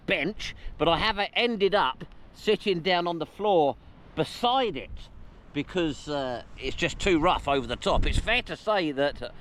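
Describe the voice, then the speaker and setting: A man's voice: a little high, expressive, a little slow, a bit bright. A man presenting an outdoor vlog, chatty and self-mocking, recorded on a camera mic on an exposed hilltop. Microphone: camera mic carried outdoors. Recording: heavy wind and rain noise outdoors.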